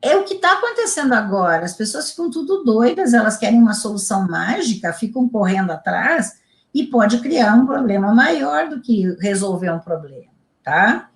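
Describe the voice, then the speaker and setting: A woman's voice: fairly high pitch, moderate pace. A middle-aged woman from Brazil, an integrative therapist telling stories emphatically in a casual interview. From Rio Grande do Sul, Brazil. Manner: animated, emphatic storytelling with repetitions.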